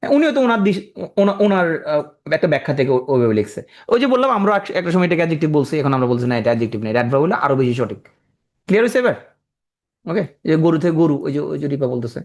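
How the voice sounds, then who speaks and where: This is a man with a Bangladeshi accent giving a grammar lesson. His voice sits somewhat high and swings widely in pitch. He keeps throwing rhetorical questions at his students. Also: fast. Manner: lively, asks students frequent rhetorical questions. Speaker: exam-prep English grammar teacher. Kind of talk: online lecture to students.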